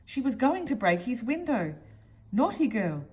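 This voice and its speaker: A woman tells a children's picture book story at a measured pace, addressing young listeners directly. She is expressive, and her intonation varies widely.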